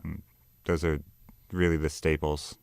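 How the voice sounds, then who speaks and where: A man's voice: a bass voice, little pitch movement, unhurried, a little mellow, clear, resonant tone, no echo, clean studio sound. A man talking casually as an artist guest in an interview.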